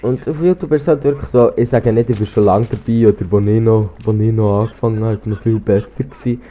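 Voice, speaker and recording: Talking fast in a lowish, steady voice with a dark tone, this teenage gaming YouTuber from Switzerland rambles hesitantly over his gameplay. He has a Swiss German accent, a slight cold, and keeps restarting and saying um. The audio from his cheap gaming headset is lo-fi.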